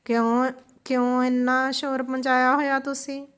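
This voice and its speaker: A woman's voice: sits high, flat delivery, measured pace, a bit bright, clean tone. A woman voicing a stern, impatient father who speaks curtly.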